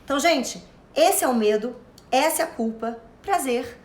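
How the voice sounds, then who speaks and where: A woman's voice: sits high, expressive, normal speed, reverberant. A woman with a Brazilian Portuguese accent giving an informal self-help lecture, chatty and theatrical, calling her listeners love and dear.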